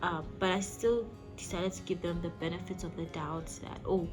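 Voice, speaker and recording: A woman's voice: on the low side, moderate pace. A woman vlog host telling a personal story casually and emphatically, speaking directly to her listeners. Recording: background music behind the voice. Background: music.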